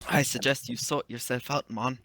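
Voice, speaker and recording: A man's voice: mid-range voice, fairly even intonation, normal speed, bright, forceful tone, no room sound. A man voicing a haughty, teasing adventurer with a put-on island accent in tabletop role-play. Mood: stern.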